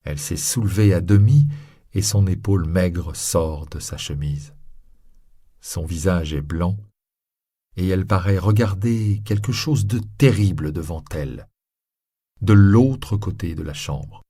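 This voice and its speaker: A male storyteller reads slowly in a deep voice that rises and falls a lot. His tone is husky, recorded dry and close. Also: no room sound. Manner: slow, lively storytelling. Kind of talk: scripted story narration.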